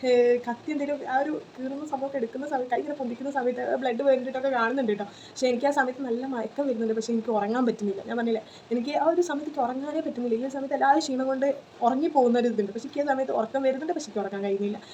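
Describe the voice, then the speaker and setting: Rapid-talking young woman vlogger. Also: high voice, warm tone, highs cut off, a little hiss or hum. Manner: chatty, tags sentences with 'you know', many fillers. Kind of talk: casual personal storytelling.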